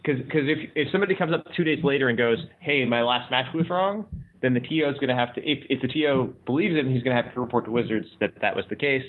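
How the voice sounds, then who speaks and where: A man co-hosting a podcast, giving quick, blunt advice in casual chat. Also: mid-range voice, slightly rough. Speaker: podcast co-host. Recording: tinny phone-like sound.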